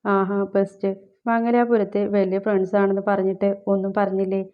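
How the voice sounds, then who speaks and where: A woman's voice: medium pitch, little pitch movement, moderate pace, lightly acted. A woman voicing a joking, gossipy young male friend, on a slightly dull recording. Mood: teasing.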